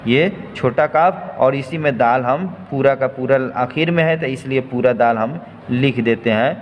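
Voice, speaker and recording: A man teaches Urdu script in a slow, patient lesson, going over each rule more than once. His voice sits at a middle pitch. The recording has a long hall reverb and a faint hiss behind it. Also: highs cut off. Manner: patient, repeats each point slowly.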